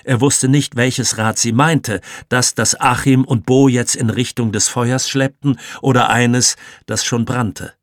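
A man reading an audiobook as narrator, calm and measured. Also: mid-range voice, dry recording, studio quality. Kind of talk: scripted narration.

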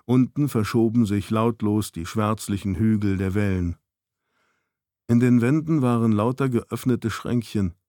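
A man narrating a novel as an audiobook in a measured, even reading. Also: fairly low pitch, no echo, clean studio sound.

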